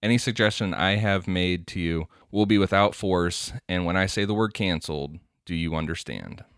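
A man with a deep, smooth, slightly bright voice co-hosts a casual podcast at a moderate pace, explaining a topic from his notes, reading quotes aloud and laughing often. The recording is dry and of studio quality.

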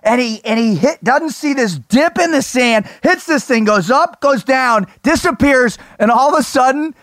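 An American man hosting a show, telling stories in an animated, slangy, bro-ish way. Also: very high-pitched, normal speed, dry recording. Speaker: host of an interview show. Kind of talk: casual chat and storytelling.

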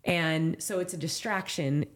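A woman's voice: low-pitched, a little slow. A woman in her thirties from Southern California, a professional trail runner telling a heartfelt story in an interview, candid and full of "like" and "you know". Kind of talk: emotional storytelling in a podcast interview.

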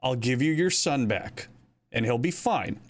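A man's voice: medium pitch, animated, a little slow. A man playing a smug serial killer in an offhand, mocking movie retelling. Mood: smug, casual. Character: smug, casual male serial killer setting terms.

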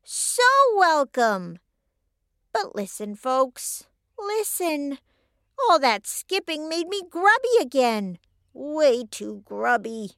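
A woman's voice: high voice, sing-song, slow, dry recording, studio quality, full character voice. A woman voicing a cheerful, teasing magic cooking pot in a children's audio story. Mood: playful. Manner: sing-song, teasing. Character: cheerful magic three-legged pot, playful trickster.

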